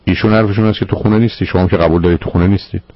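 A man's voice: sits low, steady tone, no echo, lo-fi sound. A man hosting a radio call-in show as a psychologist, probing and lecturing his caller firmly. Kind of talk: call-in advice counseling.

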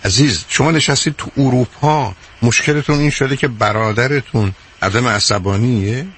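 A man's voice: medium pitch, a bit bright, a little hiss or hum. A middle-aged man hosting a radio call-in advice show, answering a caller bluntly with sarcasm and teasing.

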